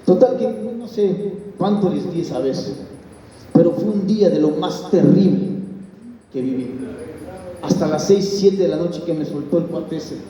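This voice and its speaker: A man's voice: a little high, unhurried, long pauses, dark tone. A middle-aged man, a pastor giving an earnest spoken testimony. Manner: earnest storytelling, acts out quoted voices. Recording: echoey hall, mic far off.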